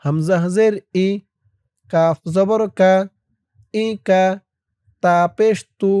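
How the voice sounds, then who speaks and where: A man teaching Quran reading in Bengali style, spelling each syllable slowly and then chanting the words drawn out. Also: sits high, dark tone, clean tone, no room sound, clean studio sound. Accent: Bangladeshi Bengali. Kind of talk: letter-by-letter Quran reading lesson.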